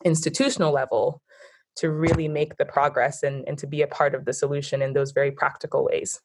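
A woman's voice: low-pitched, little pitch movement, fairly quick, husky. A woman with an American accent, a guest talking thoughtfully in a casual conversation, with frequent fillers. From born in Japan, Nigerian, raised in the US.

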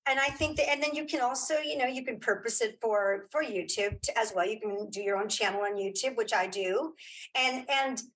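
The audio is poor with slight background noise, carrying a woman's fairly high, fairly bright voice at a brisk pace. In a casual interview, this guest, a podcaster and creator of audio dramas, sounds emphatic and encouraging and leans on repetition to make her point.

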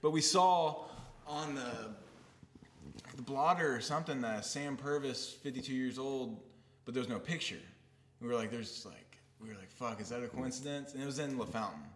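A man's voice: medium pitch, normal speed. A young man co-hosting a casual chat, rambling and self-deprecating, swearing freely. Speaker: podcast co-host.

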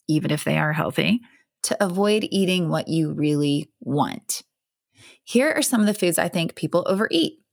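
A woman speaks as a coach and host, giving organized, scripted advice in an upbeat, emphatic manner. Her voice sits a little low with a clear vocal fry. The sound is close and dry. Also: dry recording. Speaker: health and fat loss coach, host. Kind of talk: scripted advice talk to the listener.

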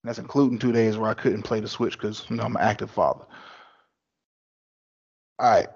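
A man's voice: on the low side, fairly even intonation, moderate pace, husky, dull audio. A man co-hosting a casual podcast, talking bluntly and swearing freely in laid-back banter. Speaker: podcast co-host. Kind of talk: casual chat.

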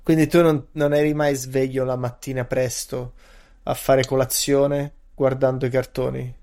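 A man's voice: medium pitch, flat delivery, measured pace, warm tone, clean tone. A man co-hosting a podcast in casual, joking chat, often repeating his phrases. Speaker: podcast co-host.

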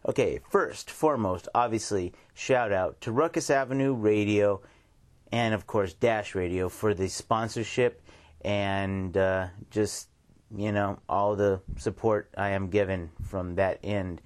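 An American man hosts a radio show with a lowish, slightly slow voice, delivering a casual monologue with shout-outs. He rambles informally and keeps repeating himself.

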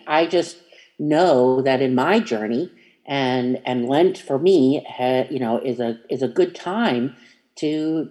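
A minister giving a reflective spiritual talk, meandering and hesitant with many fillers and restarts, gentle and inviting. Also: medium pitch.

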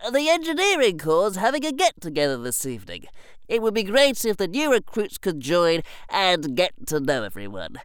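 Male performer as a friendly, rambling gnome engineer with a lively, smooth voice. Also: high-pitched, moderate pace, dry recording, clean studio sound, voice pushed up, full character voice. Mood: eager. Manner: rambling, filler-heavy, friendly. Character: chatty little gnome engineer.

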